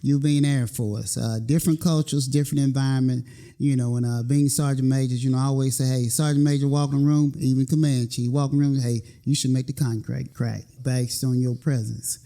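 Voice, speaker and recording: A man from North Carolina with a slow Southern drawl, hosting a conversational interview as a military chief. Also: mid-range voice, steady tone, warm tone. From North Carolina, USA. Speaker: host, military command chief.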